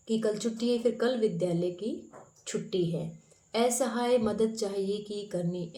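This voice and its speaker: A woman's voice: mid-range voice, warm tone. A woman teacher going through workbook grammar exercises, reading each question aloud and then explaining the answer.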